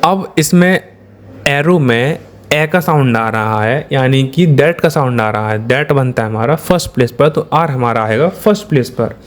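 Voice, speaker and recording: A man's voice: medium pitch, animated, moderate pace. A man with an Indian accent teaching shorthand, explaining step by step and answering his own questions. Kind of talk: classroom-style lesson.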